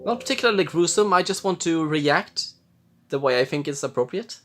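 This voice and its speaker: A drunk man from Sweden, giving rambling, halting and blurting casual commentary as he reacts to a film. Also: fairly high pitch, lively intonation. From Jämtland, Sweden. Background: film soundtrack, faint music.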